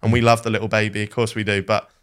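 A young Englishman in his late twenties chatting on a podcast, his voice sitting fairly low. He talks loosely, restarting sentences and poking fun at himself. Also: little pitch movement, very fast, fairly bright tone, clean tone. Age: 20s. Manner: chatty, self-deprecating, frequent restarts. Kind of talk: casual podcast conversation.

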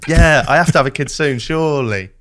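A man's voice: a little high, brisk, fairly bright tone. A man, talking casually on a podcast, self-deprecating and often restarting his sentences. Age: 20s.

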